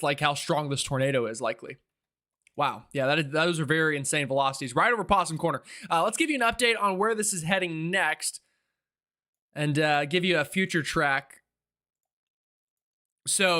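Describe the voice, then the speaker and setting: A man hosting a live weather stream, giving informal, urgent and excitable storm commentary while thinking aloud. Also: a little high.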